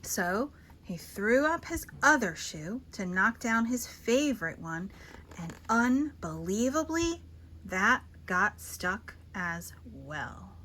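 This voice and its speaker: A woman reading children's picture books aloud as a storyteller, theatrical and expressive with dramatic pauses and emphasis. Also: mid-range voice, slight background noise.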